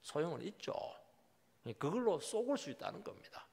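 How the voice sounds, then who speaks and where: Middle-aged male pastor, gravelly, wildly animated pitch, long church reverb. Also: moderate pace. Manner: emphatic preaching, voice swinging from loud highs to quiet drops. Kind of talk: sermon. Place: church sanctuary.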